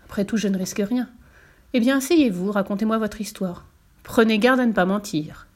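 A woman voicing an old male pope who is cross at first and then gently advises. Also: mid-range voice, normal speed, natural voice. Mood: advising.

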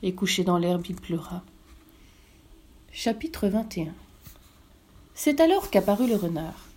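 A woman reading a story aloud, narrating in a soft, lowered voice. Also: big pitch swings, measured pace.

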